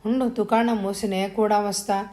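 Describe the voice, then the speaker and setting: A woman voicing a rough but caring village rowdy in a spoken audio story, with blunt, teasing speech. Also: mid-range voice, flat delivery, moderate pace, dark tone, natural voice. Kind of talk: audiobook dialogue.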